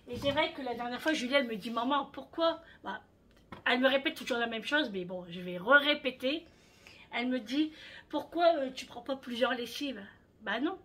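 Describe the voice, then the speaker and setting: A middle-aged woman from France talks through her shopping in a relaxed, rambling vlog, filling gaps with little verbal tics. Her voice sits a touch high and sounds bright and sharp. A faint hiss of noise runs under the home recording. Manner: chatty, rambling, many fillers and hein. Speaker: vlogger. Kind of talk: casual haul vlog chat.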